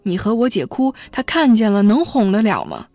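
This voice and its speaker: A woman's voice: medium pitch, sing-song, moderate pace, warm tone, no echo, faint music behind, natural voice. A woman voicing a worn-out middle-aged village mother who speaks in a weary, chiding way.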